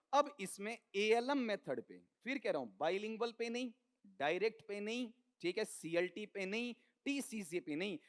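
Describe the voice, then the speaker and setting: Hindi-speaking man quizzing exam students. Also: high voice. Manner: coaxing, quizzing students with rapid questions; mixes Hindi with English terms. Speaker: English teacher. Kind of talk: exam-prep lesson.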